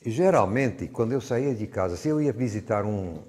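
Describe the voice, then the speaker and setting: A man's voice: lowish voice, expressive, normal speed, warm tone, a little hiss or hum. An older man from Brazil with a Brazilian Portuguese accent, giving a rambling, conversational teaching talk full of personal stories. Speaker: Bible teacher.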